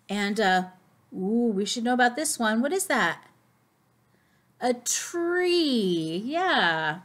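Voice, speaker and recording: Lady doing preschool circle time, high voice, really slow, exaggerated sing-songy cartoon intonation. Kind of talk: children's lesson to camera.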